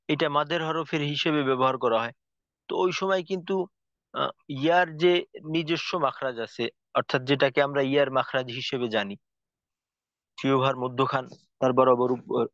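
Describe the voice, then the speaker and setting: A man teaching a tajweed lesson, explaining slowly and carefully with frequent pauses and fillers. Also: medium pitch, a bit bright, no room sound. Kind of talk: recorded lesson lecture. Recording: dull lo-fi recording, dry.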